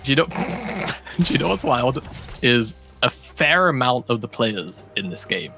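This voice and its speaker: A man casting an esports match at a studio desk, talking fast and laughing often between calls. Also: mid-range voice, sing-song. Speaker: esports caster. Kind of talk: play-by-play commentary and banter. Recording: faint music behind.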